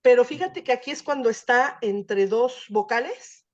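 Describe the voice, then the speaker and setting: A woman's voice: on the high side, lively intonation, unhurried, lo-fi sound. A woman teacher explaining Latin grammar in an online class, patient and full of fillers.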